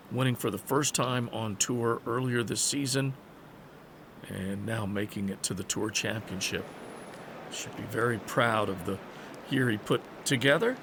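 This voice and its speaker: A man calling golf play-by-play in short, measured broadcast phrases. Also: medium pitch, fairly bright tone, a little hiss or hum. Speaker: golf commentator.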